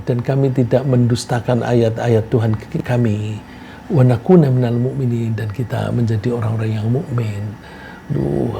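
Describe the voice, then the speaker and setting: A man giving a religious lecture, reciting Arabic verses and explaining them in a relaxed, conversational way with anecdotes. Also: mid-range voice, vocal fry, slight background noise. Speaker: Islamic preacher.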